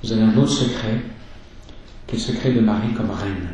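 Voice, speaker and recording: A man giving a sermon, teaching in a slow, measured way and reading scripture aloud. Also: fairly low pitch, warm tone, slight background noise. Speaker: preacher. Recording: echoey church from far off.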